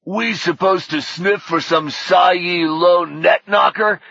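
An aggressive battle robot spitting clipped street slang, as a male narrator puts it on. It speaks slowly and roughly. The recording is dull and dry. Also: high-pitched, fairly even intonation, pushed and bright, no room sound, voice pushed up, exaggerated voice.

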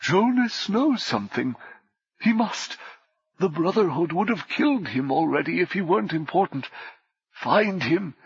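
A grave old guardian with a gravelly, deeply husky voice, as a male audiobook narrator puts him on. He speaks in formal, measured sentences. The recording is dull and dry. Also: expressive, no room sound, exaggerated voice. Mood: urgent.

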